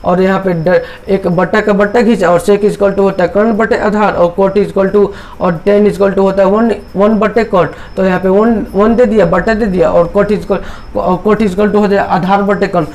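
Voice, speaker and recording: Man, maths teacher, high pitch, repetitive step-by-step explaining. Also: fairly even intonation, a little slow, a little mellow. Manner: repetitive, explains step by step, voices students' doubts. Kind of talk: chalkboard maths lesson.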